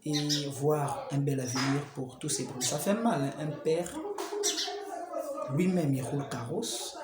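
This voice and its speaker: A man with a Congolese French accent preaching in a loose, conversational way, tossing in rhetorical questions and little chuckles. His voice carries in a roomy, echoing hall, and a crowd can be heard behind him. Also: on the high side. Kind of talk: informal preaching advice.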